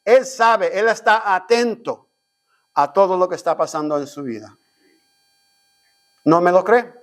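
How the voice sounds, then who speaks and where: A man's voice: high voice, unhurried. A man, preaching a Sunday school sermon as a pastor, often turning to the congregation with amens and questions and acting out his own prayers. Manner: dramatizes his own prayers, rising to a shout.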